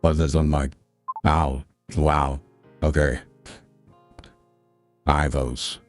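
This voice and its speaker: A man through a voice changer as a booming ultra-deep voice. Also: flat delivery, extremely slow, soft background music, full character voice. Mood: joking. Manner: joking, slang-heavy banter with chat. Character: booming ultra-deep filtered male streamer voice. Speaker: streamer.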